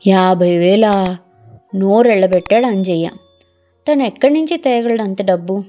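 A woman narrating an audiobook story in a steady storytelling manner. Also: mid-range voice, normal speed. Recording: muffled lo-fi, faint music.

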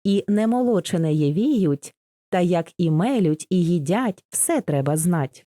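Woman voicing an old cossack father, homely instructive tone, low mellow voice, dry close audiobook sound. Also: animated, a little slow, no room sound. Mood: advising. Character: old male Cossack father, wise and steady.

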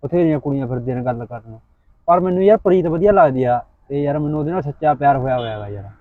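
Guy playing lovesick village lad, quick pleading talk, sounds thru a phone, dry. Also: a little high, no room sound, phone-quality sound, lightly acted. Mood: confiding. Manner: mournful and pleading, dropping his voice. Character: young village man lovesick for a girl.

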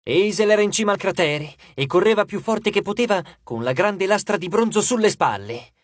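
A man narrating an audiobook with a lively, expressive reading. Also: high voice, normal speed, dry recording. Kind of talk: scripted narration.

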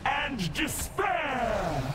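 An actor playing a menacing, boastful boss villain in a fantasy video game, with a grandiose, theatrical delivery. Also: male voice, very high voice, big pitch swings, drawn-out words, raised voice, very noisy, full character voice.

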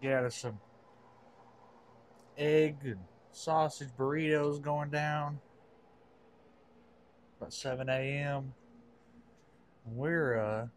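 A man casually narrating his fishing trip vlog in a relaxed, easygoing way. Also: mid-range voice, slight background noise.

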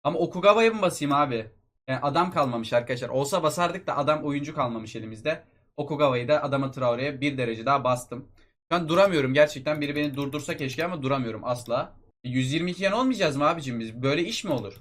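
A young man giving excited commentary on a mobile football game, talking to his viewers like friends. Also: on the high side, quick pace.

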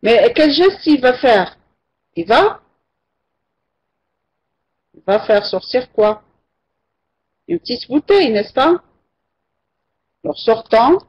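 Her voice is on the high side and breathy, swinging widely in pitch as she moves slowly with long pauses. Through muffled, lo-fi audio of an online French class, she patiently repeats and corrects what her students offer.

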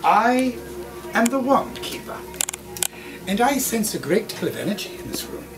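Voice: medium pitch, big pitch swings, over music. A grand, mysterious wizard wandmaker. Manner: theatrical, drawn-out dramatic pauses, audience-addressing. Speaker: live show performer. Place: live venue with an audience. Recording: distant live recording with loud room noise.

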